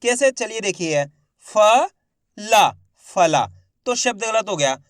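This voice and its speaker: A man teaching Hindi reading, sounding out each syllable slowly, then joining them into words and asking the viewer to repeat. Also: high-pitched, animated, fairly bright tone, no room sound, studio quality. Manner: slow, syllable-by-syllable drilling with repeated prompts; addresses viewers directly as friends. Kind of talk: classroom-style lesson to camera.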